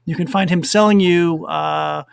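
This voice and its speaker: A man co-hosting a casual podcast, talking in a relaxed, rambling way with filler words. His voice is fairly high and gravelly, and it sounds dry and close, with no room echo. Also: measured pace. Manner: relaxed and rambling, with fillers while reading down a list. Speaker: podcast co-host. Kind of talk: casual chat.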